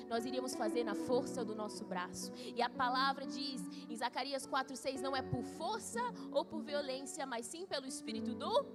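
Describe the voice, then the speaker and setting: A young woman delivers a conference sermon in a bright, high voice, full of chatty stories and playful acted-out asides. Worship music plays clearly underneath her words. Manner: lively, chatty storytelling with acted-out quotes. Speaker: missionary preacher. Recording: live sermon with music behind.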